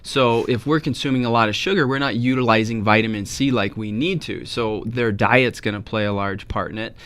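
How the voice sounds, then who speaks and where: A male chiropractor appears as a talk show guest, patiently explaining health topics and frequently checking in with tag questions like "right?". His mid-range voice is clear and resonant, a bit bright, and runs a little fast.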